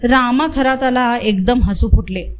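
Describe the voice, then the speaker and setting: A woman reading a village story aloud as a storyteller, lively and expressive in her delivery. Her voice sits fairly high. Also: a little slow, slight background noise. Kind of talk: storybook narration.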